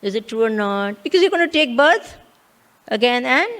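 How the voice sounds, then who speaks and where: A woman's voice: on the high side, big pitch swings, normal speed, fairly bright tone. A woman with an Indian accent giving a scriptural lecture as a spiritual teacher, repeating key words and posing questions to check understanding.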